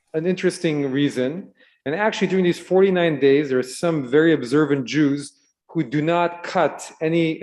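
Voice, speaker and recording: A man who was born in Israel gives a gentle, storytelling sermon to children at a Shabbat service and asks them questions along the way. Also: a little high. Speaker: rabbi. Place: synagogue sanctuary.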